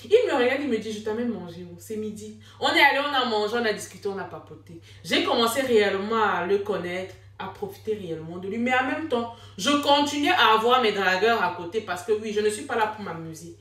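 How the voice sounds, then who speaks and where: A young woman telling her own story in casual talk, dramatic and animated, with sudden exclamations. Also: medium pitch, a little fast, few pauses, distant mic. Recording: echoey room, a bit off mic.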